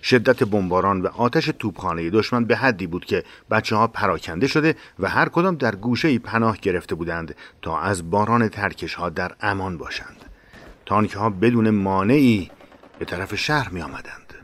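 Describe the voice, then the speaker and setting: Man reading a war memoir, lowish voice, steady and dramatic. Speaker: narrator.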